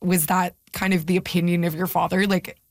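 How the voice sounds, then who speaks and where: A woman's voice: lowish voice, little pitch movement, fairly quick, no room sound, clean studio sound. A woman interviewing a guest, curious and loose, with many fillers. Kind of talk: interview conversation.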